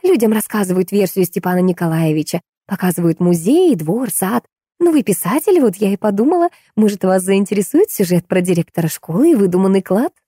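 A woman's voice: mid-range voice, animated, a little fast, warm tone, slightly rough, no echo, studio quality. A woman voicing an eager, chatty female tour guide in an audiobook, talking earnestly and bursting into breathless exclamations.

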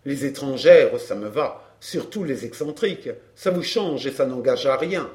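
A man's voice: medium pitch, expressive, moderate pace, a little mellow, natural voice. A man playing a brash, chatty flirt. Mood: glib. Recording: roomy echo.

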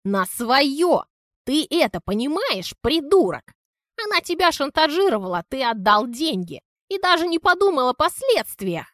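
A woman's voice: sits high, big pitch swings, moderate pace, a bit bright, no room sound, clean studio sound, voice pushed up. A woman reading an audiobook, voicing an enraged older wife who screams insults. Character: furious older woman, shrill, hot-tempered.

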